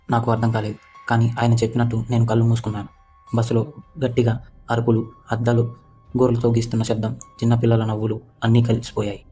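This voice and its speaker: Male horror-story narrator, monotone, even and steady, faint music behind. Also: mid-range voice. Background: faint background music.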